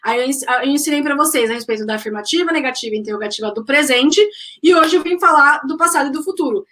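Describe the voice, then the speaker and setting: A woman's voice: sits high, fast talker, pushed and bright, low-quality recording. A Brazilian woman teaching English in a live online lesson, mixing English and Portuguese, explaining step by step and checking in with her students. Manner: speeds up when explaining in Portuguese.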